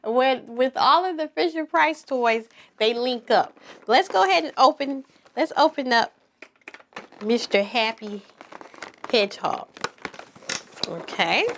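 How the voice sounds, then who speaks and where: A woman speaks as an encouraging kindergarten teacher to toddlers. Her voice is on the high side with lively swings in pitch. She goes extremely slowly, in short simple phrases that small children can follow. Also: slight background noise. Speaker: preschool teacher and host. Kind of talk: preschool circle-time lesson for toddlers.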